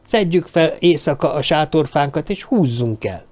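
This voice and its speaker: Frightened dwarf woman, gloomy and agitated, pitched high, as a male narrator puts her on. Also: animated, darkish tone, close to an everyday voice. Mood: desperate. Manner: agitated, pessimistic.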